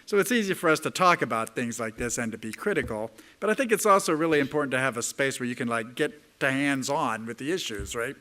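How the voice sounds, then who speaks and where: Man, bright voice, casual co-presenter, easygoing filler-heavy talk. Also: mid-range voice, fast talker, few pauses. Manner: relaxed, with hedging fillers like "you know" and "uh". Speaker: writer and co-presenter.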